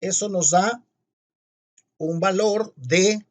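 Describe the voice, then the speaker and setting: A man teaching physics, working through exercises step by step and spelling out each calculation. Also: high-pitched. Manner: deliberate, spells out each calculation and checks itself.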